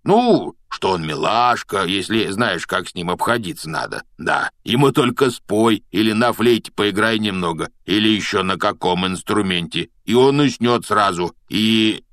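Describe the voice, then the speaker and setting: A man voicing a big, gruff, blundering giant of a man in a storybook reading, talking in a rough, blurting way. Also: lowish voice, expressive, moderate pace, hardly any pauses, fairly bright tone, dry recording. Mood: rough, rambling.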